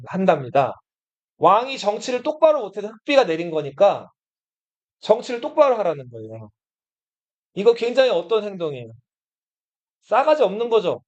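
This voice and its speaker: A man's voice: sits high, a little mellow, dull audio. A man teaching history to a class. He talks in a casual, blunt way, asks the students questions and then answers them himself. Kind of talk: classroom lecture.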